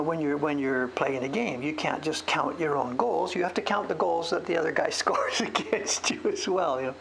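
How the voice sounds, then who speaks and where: While carving woodblock prints on a livestream, a man rambles through a story in a self-deprecating way, chuckling as he talks. His voice is medium-pitched and gravelly, with background noise present.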